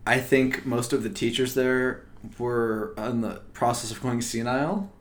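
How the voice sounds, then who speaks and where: A young man from Croatia guests on a podcast as a student. He talks in casual chat with dry, self-deprecating humor and hesitant fillers, and his voice sits at an ordinary middle pitch. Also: steady tone, unhurried. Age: young adult.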